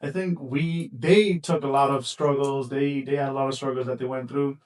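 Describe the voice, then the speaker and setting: A young man hosts a casual podcast in an easygoing way, often chiming in with short agreeing sounds. His voice sits at a middle pitch and sounds a little distant from the microphone. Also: fairly even intonation, normal speed, a little mellow. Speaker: podcast host.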